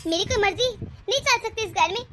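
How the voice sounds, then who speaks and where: Animated cartoon: a sharp-tongued young wife, very high and bright, defiant and scolding, played by a woman. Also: a little fast, slight background noise. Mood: indignant. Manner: indignant, scolding.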